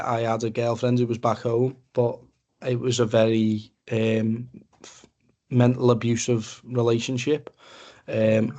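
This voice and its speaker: Speaking on an online webinar video call, a young Liverpudlian with a Scouse accent shares informal personal testimony for a men's mental health support group. His voice is medium-pitched and a little mellow, and his delivery plain-spoken and chatty.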